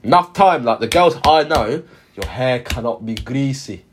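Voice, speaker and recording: A man's voice: mid-range voice, expressive, moderate pace, a little hiss or hum. A man co-hosting a podcast, chatting casually in street slang and often repeating himself. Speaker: podcast co-host.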